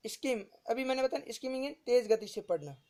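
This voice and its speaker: A man's voice: very high voice, expressive, a little fast, a little mellow. A male teacher giving an exam-prep lecture who repeats each term and keeps asking rhetorical questions, addressing his listeners as friends.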